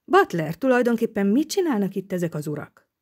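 A woman's voice: mid-range voice, sing-song. A woman reading an audiobook, voicing a proud young woman who is nervous and easily flustered. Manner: haughty then flustered.

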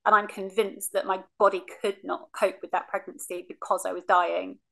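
A woman's gravelly, fairly bright, mid-range voice comes at normal speed with a flat delivery as she frankly shares her cancer story. It's a casual remote interview on a video call, captured by her webcam while she sits on the sofa in her living room, full of ums and reenacted remembered lines.

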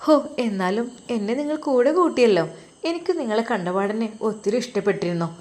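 Woman voicing a coy flattering young wife. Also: medium pitch, a little fast, natural voice. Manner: coy, sweet-talking.

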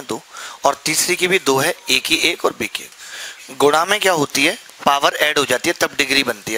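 Young man, maths teacher, very bright tone, a little high, quizzing a class, faint hiss. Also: rough recording. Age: young adult. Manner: asks students questions and answers them himself; jokey, chatty asides to students. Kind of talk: classroom lecture. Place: classroom with students.

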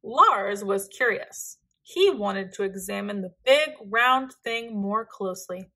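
A woman reading a children's picture book aloud, with gentle, expressive narration. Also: medium pitch, takes it slowly. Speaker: storyteller.

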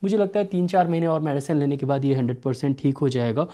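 In a live clinic streamed from a small home room via desk webcam, a young male homeopathic doctor answers what viewers ask. His voice is a little high, his manner steady and instructive, and he slows when reading questions aloud.

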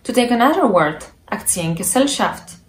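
A woman's voice: a little high, very animated, normal speed, reverberant. A woman giving a casual, reassuring explainer about learning a language, chatty with frequent asides. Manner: chatty, reassuring, many "you know" asides.

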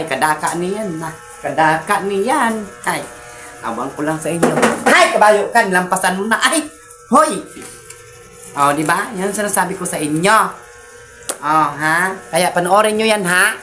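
Brief: woman vlogger, low voice, teasing casual chatter, faint music underneath. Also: a bit bright. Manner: chatty, teasing, giggly asides. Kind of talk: casual vlog chat with shout-outs.

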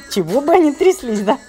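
Her voice is high yet dark in tone as this fitness trainer casually coaches from a carpeted living room with high ceilings, counting reps and offering short, repeated encouragement. She uses a handheld phone, occasionally covering it with her hand.

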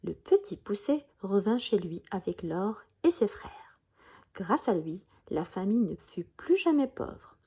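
A woman reading a bedtime story aloud in a gentle voice that often drops to a half-whisper. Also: medium pitch, sing-song, a little slow, husky.

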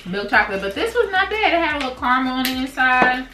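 A woman's voice: sits high, big pitch swings, fast talker. A woman casually chatting and explaining the snacks she brought home for a family tasting. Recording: echoey room with music behind.

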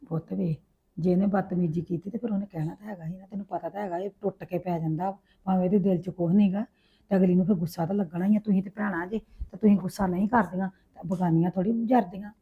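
A woman's voice: on the low side, fairly even intonation, quick pace, husky. A woman playing a fretful widowed mother. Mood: soothing. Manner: soothing, fretful. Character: worried widowed mother of grown daughters. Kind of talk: web drama acting. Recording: tinny phone-like sound.

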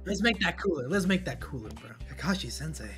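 A player talking through a voice changer that shifts the voice deep, doing joking, mock-cool in-game roleplay. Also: big pitch swings, fast, over music. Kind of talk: playful in-game roleplay banter.

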